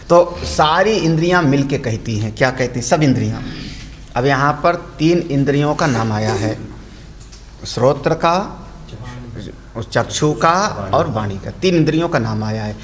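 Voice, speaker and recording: A man's voice: medium pitch, slight background noise. An older man, a swami, giving a storytelling commentary on scripture and explaining Sanskrit phrases.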